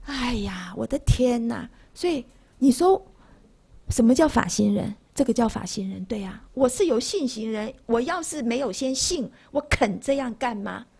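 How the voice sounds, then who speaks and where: A woman in her sixties from Taiwan, speaking, gives a lively Buddhist lecture in a classroom. She keeps asking her listeners rhetorical questions. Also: fairly high pitch, gravelly, slightly rough. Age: 60s.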